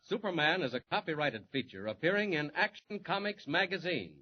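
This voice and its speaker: A man's voice: on the high side, expressive, a little fast, slight background noise. A man narrating and announcing a 1940s radio serial in a declamatory, suspenseful style, on a lo-fi 1940s radio transcription.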